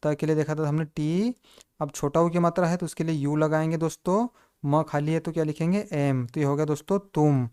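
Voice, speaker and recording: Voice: mid-range voice, fairly even intonation, a little fast, a little mellow, clean tone. A teacher giving a step-by-step spelling lesson, who keeps asking the listener questions and then answering them, and calls the listeners friends again and again.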